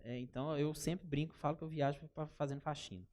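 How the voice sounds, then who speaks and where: A man with a Brazilian accent teaching a live workshop, chatty and animated, often turning to the audience with anecdotes. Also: fairly high pitch, fast talker. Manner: animated, chatty, keeps calling the audience "gente" and telling anecdotes. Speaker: workshop instructor.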